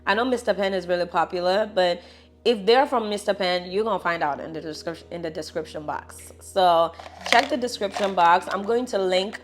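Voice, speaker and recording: A woman's voice: fairly low pitch, moderate pace. A young woman with a Nigerian accent, chatting casually and encouragingly as she walks through her Bible study tips. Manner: chatty, encouraging, lively asides. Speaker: vlogger.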